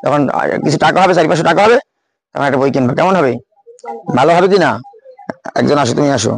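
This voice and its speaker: A man preaching to a room of schoolchildren in a Khulna Bengali accent, his voice sitting a little high. He keeps firing questions at the children and punctuating his points with "yes". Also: fast, creaky, no echo. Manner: asks the audience questions constantly, repeats "yes". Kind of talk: sermon to schoolchildren.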